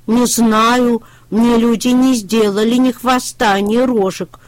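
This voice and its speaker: A woman's voice: fairly high pitch, steady tone, takes it slowly, dry recording, voice pushed up. A woman playing a polite naive tractor. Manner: polite, gentle.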